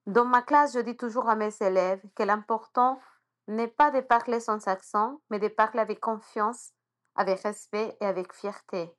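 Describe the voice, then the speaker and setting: With a voice on the high side at a normal speed, this woman from Honduras, an immersion teacher and native Spanish speaker, gives an earnest, encouraging prepared personal message. Her accent shows hints of Spanish and English.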